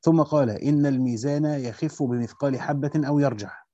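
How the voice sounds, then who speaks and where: A man's voice: mid-range voice, brisk, mellow, no echo, highs cut off. A man with an Egyptian accent reading a classical Quran commentary aloud and explaining it with colloquial asides. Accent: Egyptian Arabic. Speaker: Islamic studies teacher.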